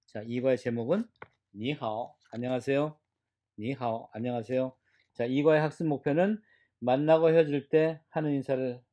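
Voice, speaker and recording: In his beginner Chinese lecture, a man with a mellow, medium-pitched voice walks students through the tones. He drills syllables out loud and has the class repeat them.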